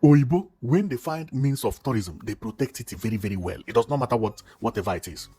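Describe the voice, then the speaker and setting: A man's voice: mid-range voice, lively intonation, fairly quick, warm tone, faint music behind. A man narrating a building tour, exclaiming and repeating himself with enthusiasm. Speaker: vlogger.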